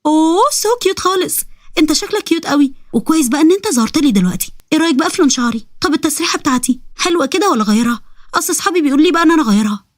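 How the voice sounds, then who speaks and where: A woman's voice: sits high, rapid-fire, no echo, studio quality, pitched above the performer's own voice. A woman voicing a vain, giddy teenage girl with an Egyptian accent who gushes and squeals. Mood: thrilled. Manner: gushing, squealing with excitement.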